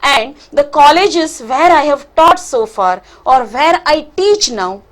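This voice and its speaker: High-pitched Indian woman teacher, Kannada accent. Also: animated, takes it slowly. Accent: Kannada Indian English. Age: middle-aged. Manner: emphatic, repeats points, checks in with short questions. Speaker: English teacher. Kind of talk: online lesson explanation, advising students.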